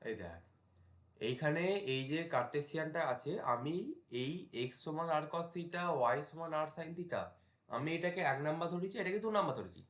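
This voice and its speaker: This math tutor's fairly high, fairly bright voice has lively intonation and a moderate pace, echoing around the room. He keeps the lesson casual, narrating each step while writing and quizzing students to confirm they follow.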